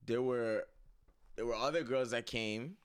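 A man's voice: mid-range voice, measured pace, clean tone, dry recording. A man chatting casually in street slang, often repeating words as he gets a thought out. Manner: slangy, stammering repetition of words. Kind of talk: casual chat.

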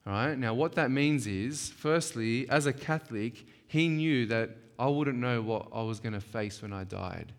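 A man's voice: medium pitch, a little slow, hardly any pauses. A man leading a church workshop session, talking conversationally and emphatically, often checking in with the audience. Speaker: workshop speaker. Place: church hall. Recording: long hall reverb.

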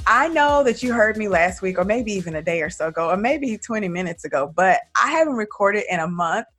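Hoarse woman hosting a podcast. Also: mid-range voice, animated, fairly quick, a bit bright, faint music behind. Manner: effusive, chatty, emphatic. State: hoarse from allergies. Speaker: podcast host. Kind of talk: casual interview chat.

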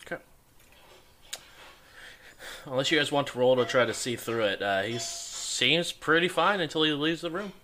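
A man's voice: fairly high pitch, moderate pace, pauses often, bright, forceful tone, slight background noise. A man narrating as game master of a tabletop game in loose, casual speech full of fillers.

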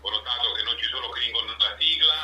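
A man calling in on speakerphone, giving a measured on-air review and pausing to search for words. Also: medium pitch, a loud crowd. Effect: on speakerphone over the phone. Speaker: caller to a fan podcast. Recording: echoey speakerphone phone call.

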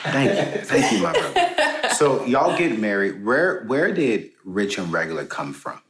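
A man's voice: mid-range voice, huge pitch swings, measured pace, roomy sound, a loud crowd. A man hosting a podcast interview, playful and hyped up, who repeats his guests' words back to them. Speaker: podcast host.

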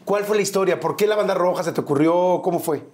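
A man hosting an interview, asking questions in a relaxed, chatty way. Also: sits high, quick pace. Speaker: interviewer, host.

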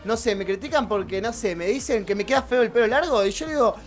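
A man's voice: sits high, quick pace, soft background music. A young man with an Argentine Spanish accent, co-hosting a casual chat, talking in a loose, slangy way with many restarts. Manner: chatty, slangy, restarts often. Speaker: podcast co-host.

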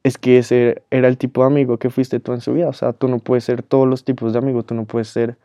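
A man's voice: medium pitch, little pitch movement, quick pace, warm tone, no room sound, clean studio sound. A young man, telling a personal story to his viewers in an earnest, emotional way with many fillers. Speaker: YouTuber.

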